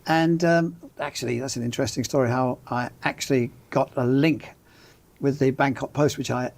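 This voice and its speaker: A man's voice: mid-range voice, fairly even intonation, normal speed, gravelly. An older man with an English accent, a journalist guest in a studio interview, telling stories in a genial, dryly humorous way. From England. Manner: genial storyteller, dry humor. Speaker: guest, magazine founder and journalist. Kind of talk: casual interview chat.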